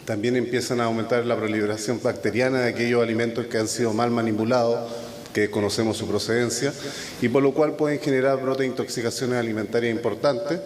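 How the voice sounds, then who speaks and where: A man's voice: medium pitch, steady tone, fast. A man speaking as a health official, formal and explanatory. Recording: echoey room.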